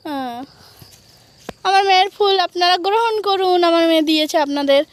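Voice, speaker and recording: Hoarse, high-voiced woman vlogging outdoors. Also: fairly quick, a little hiss or hum. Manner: playful, teasing, mock-complaining. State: hoarse from a cold. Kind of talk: casual vlog chat to viewers. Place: outdoors in open farm fields.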